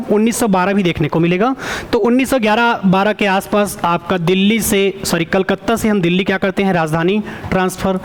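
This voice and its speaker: High-pitched man quizzing his class. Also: a little hiss or hum. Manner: quizzing, keeps asking students for answers; often fills pauses with a checking "okay". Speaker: teacher. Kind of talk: online exam-prep lecture.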